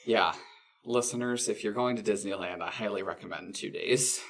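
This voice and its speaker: A woman's voice: extremely low pitch, moderate pace, vocal fry. A woman co-hosting a casual podcast, playful and agreeable, often chiming in with short affirmations. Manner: playful, agreeable, many backchannels. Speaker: podcast co-host. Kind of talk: casual chat.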